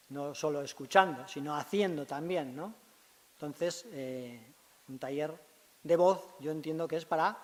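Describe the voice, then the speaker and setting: A man, a speech therapist giving a conference talk in a large hall. He teaches step by step and keeps checking in with short tag questions. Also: a little high. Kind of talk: conference presentation. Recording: long reverb of a large hall.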